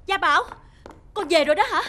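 A woman's voice: fairly quick, a bit bright. An actress with a Southern Vietnamese accent playing a wealthy mother who dotes on her son but scolds his friend sharply. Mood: worried. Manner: shrill and scolding. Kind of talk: TV drama acting.

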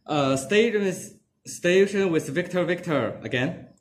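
A young adult man from Singapore, an amateur radio operator, exchanges call signs using phonetic spelling. His voice is high and animated but a little slow. He's in a small, dark indoor room, and the recording has a roomy echo, background noise and clicking.

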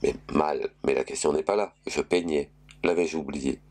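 A man reading a novel aloud, telling a first-person story in a measured, wry way. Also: rumbling low, fairly even intonation, a little mellow. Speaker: reader.

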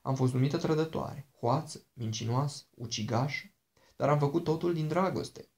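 A man's voice: on the high side, gravelly, a little mellow. A man voicing an ancient princess, a charming and dangerous woman who talks in a sweet, persuasive, coaxing way.

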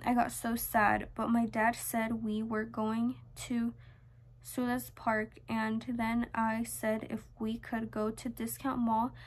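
A young woman with a fairly high voice reads her childhood diary aloud. She sounds amused and a little embarrassed by it, gently mocking herself. The reading is broken up by casual, chatty asides. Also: flat delivery, slow. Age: young adult. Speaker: vlogger. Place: small bedroom, indoors.

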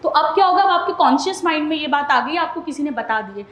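A woman teacher with a high voice talks a class through a study method step by step. She stops often to check that her students follow. The room is echoey around her. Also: expressive, fast, a bit bright. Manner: explains step by step, asks students if they follow. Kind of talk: classroom lesson.

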